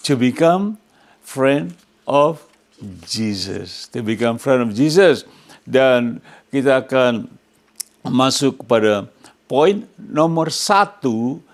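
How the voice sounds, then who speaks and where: A male pastor preaching a sermon, questioning his congregation and answering himself when he speaks English. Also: medium pitch. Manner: asks the congregation questions and answers them himself, rising loud on quoted words.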